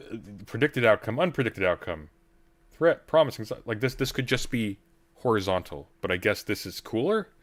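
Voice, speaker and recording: Host, man, low voice, dry and wry, reacting on stream. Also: fairly bright tone. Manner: dry, muttering asides. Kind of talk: casual reaction commentary.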